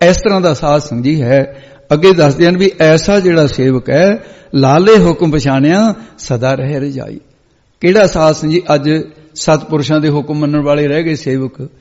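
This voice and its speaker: Male Sikh preacher, story-driven katha with slow chanted verses; lo-fi recording with hall echo. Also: fairly high pitch, darkish tone. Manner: chants scripture lines slowly, then explains them in speech. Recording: echoey hall, dull lo-fi sound.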